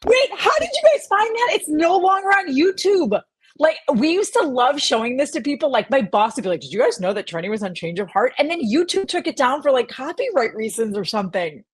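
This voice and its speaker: Her voice is high and brisk, captured with no echo: a sports journalist from Wisconsin, in her forties, joining as a guest for a casual chat. She's animated as she tells stories and laughs a lot along the way.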